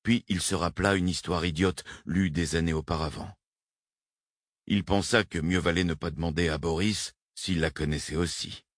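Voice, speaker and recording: A man calmly reading a novel aloud as its narrator, measured and even. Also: low-pitched, no room sound, clean studio sound. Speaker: audiobook narrator. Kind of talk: scripted narration.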